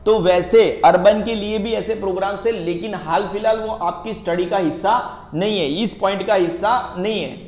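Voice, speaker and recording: With a high, slightly mellow voice at normal speed and hardly any pauses, a male economics tutor teases an imaginary student during a playful lecture that blends in English terms. It was captured in an echoey, dull, lo-fi room.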